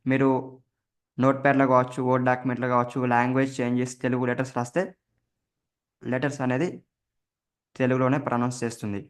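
A man's voice: mid-range voice, level tone, quick pace, pauses often. A man hosting a computer tutorial, explaining each keystroke as he presses it in a casual way. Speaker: tech tutorial host. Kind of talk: step-by-step screen recording tutorial.

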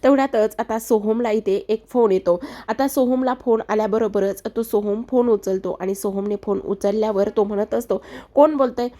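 A woman's voice: mid-range voice, fairly even intonation, moderate pace, dark tone. A woman retelling a TV serial episode, addressing the viewers directly in running present-tense narration. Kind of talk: storytelling recap of a TV serial.

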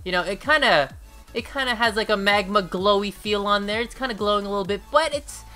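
Male gaming YouTuber, excitable hype-man delivery, bright forceful tone, faint music behind. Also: sits high, a little fast. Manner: excitable, hypes up each unlock. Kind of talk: hyped game commentary.

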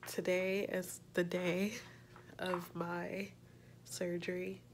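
In a small indoor room, a young vlogger speaks slowly and levelly in a fairly low voice to the phone she holds at arm's length. She's a little congested, chatty and rambling, often self-mocking, with slight background noise.

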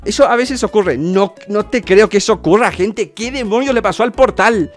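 A man's voice: sits high, normal speed, faint music behind. A young man from hosting a reaction video, exclaiming, repeating words and laughing often. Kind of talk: excited reaction commentary.

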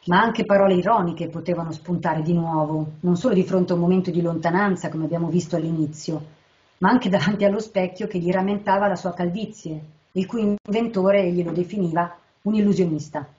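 A woman translator giving a measured literary lecture, reading short poems slowly and carefully between her explanations. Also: fairly low pitch, steady tone, a little mellow, highs cut off. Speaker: translator presenting a poet.

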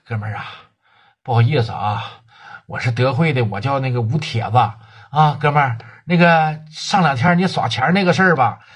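A man with a Northeastern Mandarin accent voicing a boastful, fawning male small-town gang boss with a husky voice. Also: mid-range voice, moderate pace, lightly acted. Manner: swaggering, wheedling.

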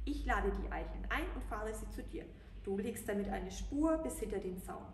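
Brief: woman reading a bossy but good-hearted gnome, brisk and direct, in a roomy space with light hiss. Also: mid-range voice, expressive, natural voice. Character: male gnome, gruff at first but kind. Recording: roomy, distant mic, faint hiss.

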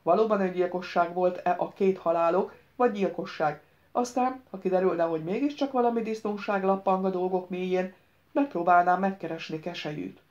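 A woman's voice: fairly low pitch, fairly even intonation, a little mellow, lo-fi sound, lightly acted. A woman reading an audiobook, voicing an older male police major who speaks in a doubtful, questioning way. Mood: explaining.

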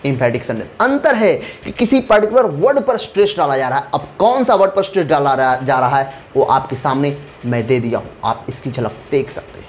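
A man's voice: mid-range voice, expressive, brisk, few pauses, a little hiss or hum. Emphatic man teaching grammar, repeating terms. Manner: emphatic, repeats key terms, drills students. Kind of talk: classroom lecture mixing Hindi and English.

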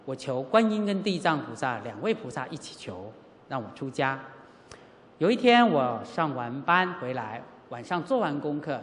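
Middle-aged preacher, animated storytelling sermon, lively pitch, long hall reverb. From Taiwan. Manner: animated, acts out dialogue, asks the audience rhetorical questions. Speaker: Buddhist teacher giving a sutra lecture. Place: lecture hall at a Buddhist centre.

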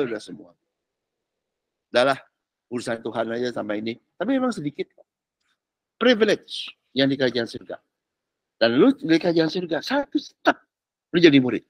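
A middle-aged pastor teaches a class in an easy, chatty way, his fairly high voice leaping up and down in pitch. English words pop up in his speech, and the sound is close and dry with no room around it. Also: no room sound. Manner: animated, mixes in English words and slang. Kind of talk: casual sermon teaching.

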